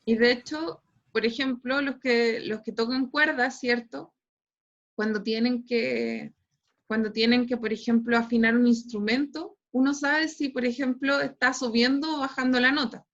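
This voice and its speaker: A woman's voice: fairly high pitch, steady tone, a little slow, a bit bright, muffled recording. A woman with a Chilean accent teaching a physics class online, explaining patiently and checking in with "right?" after nearly every phrase. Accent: Chilean Spanish. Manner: explains patiently, constantly tags phrases with "¿cierto?". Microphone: computer mic on a video call.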